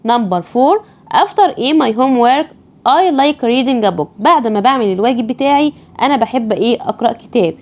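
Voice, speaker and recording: A woman English teacher with an Egyptian Arabic accent, reading English exam items slowly and explaining them quickly in Arabic. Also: a little high, animated, a little mellow. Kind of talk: exam review lesson.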